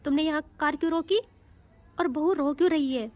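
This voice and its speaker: A stern, protective middle-aged father, as a woman storyteller puts him on. He fires off demanding questions, though the voice stays high. It is read as an audio drama story. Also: a little fast, darkish tone, lightly acted.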